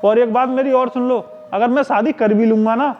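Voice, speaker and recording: A man's voice: very high-pitched, steady tone, fairly quick, muffled recording. A man playing a fed-up grown son who talks back firmly to his mother, in a homemade family drama. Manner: firm, irritated. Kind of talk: amateur Hindi family drama.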